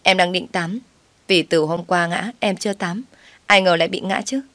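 A woman's voice: lowish voice, steady tone, moderate pace, a bit bright, dry recording, natural voice. A woman voicing a scheming young woman who talks in a sugary, pleading way in a told story. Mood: coaxing, wheedling.

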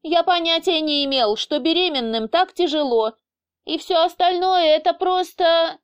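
A woman's voice: high voice, moderate pace, no room sound, dull audio, pitched above the performer's own voice, natural voice. Woman voicing a huffing, indignant male boss. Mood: grudging. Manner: indignant, huffing, swearing outbursts. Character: irritable grumbling male boss, young adult. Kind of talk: audiobook character voice.

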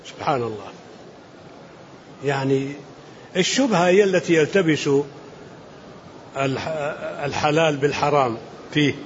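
Older Saudi scholar, muffled lecture tape. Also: male voice, on the high side. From Saudi Arabia. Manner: measured, explanatory, reads questions aloud then rebuts them. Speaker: Islamic scholar answering questions. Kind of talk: religious Q&A lecture. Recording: muffled lo-fi lecture recording with faint hiss.

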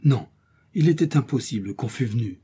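A man reading a nineteenth-century novel aloud as an audiobook, in a measured, solemn way. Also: medium pitch, expressive, mellow, breathy edge. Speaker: audiobook reader. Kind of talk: scripted literary narration.

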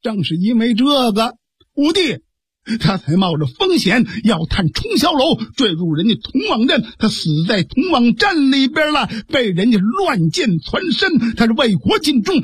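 Storyteller doing Jiang Ping, urgent sworn brother. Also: male voice, sing-song, a little slow, husky, dry recording, studio quality, exaggerated voice. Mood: earnest pleading. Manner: urgent, pleading, pitched up. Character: shrewd, fast-talking male sworn brother officer. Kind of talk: Chinese storytelling performance.

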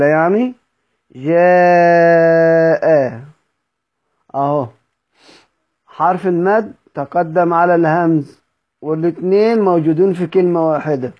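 Egyptian male teacher in a study session, a bit high-pitched, repeats and quizzes students, muffled recording. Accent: Egyptian Arabic. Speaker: Quran recitation teacher.

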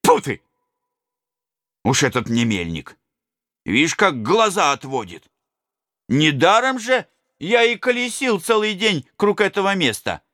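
A man's voice: high-pitched, very animated, a little slow, long pauses, bright, forceful tone, no room sound, clean studio sound, pitched above the performer's own voice, heavily acted. A man voicing an agitated middle-aged male servant, superstitious and blustering, with folksy exclamations.

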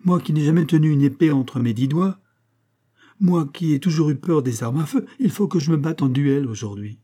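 A man's voice: fairly high pitch, lively intonation, moderate pace, dark tone, pitched above the performer's own voice. A man voicing a timid, sheepish husband confessing to his wife. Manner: sheepish, dejected. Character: meek, dazed timid husband.

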